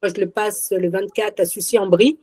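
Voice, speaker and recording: A woman exam candidate asking a question, halting and searching for words. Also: medium pitch, fairly even intonation, dark tone, husky, dry recording.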